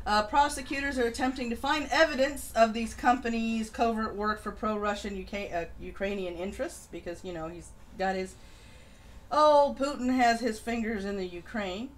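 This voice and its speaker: The recording is low quality with noticeable background noise. A woman with a highish voice and moderate pace runs a political livestream, working through the news with casual commentary that's opinionated and sprinkled with swearing.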